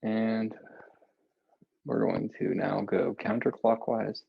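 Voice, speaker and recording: A man calmly guiding breathing and stretching exercises from a meditation cushion at home, with casual asides. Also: on the low side, creaky, slightly rough, dry recording, muffled recording. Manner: slow, calm, relaxed with casual asides. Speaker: meditation and yoga guide. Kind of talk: guided breathing and stretching instruction.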